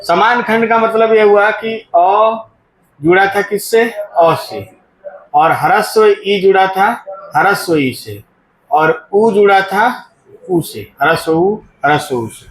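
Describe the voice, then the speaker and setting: Male teacher, high voice, slow and deliberate, quizzes and repeats, echoey classroom. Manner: asks the class questions and answers them himself, repeats key terms. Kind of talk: classroom grammar lesson.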